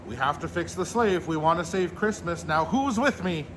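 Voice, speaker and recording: A man acts out a jolly, kindly old Santa from a children's storybook. He is hearty, commanding and encouraging, pitched on the high side, with noticeable noise behind the voice. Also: lively intonation, moderate pace, close to an everyday voice. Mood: warm, encouraging. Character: jolly, kindly old Santa Claus rallying his team.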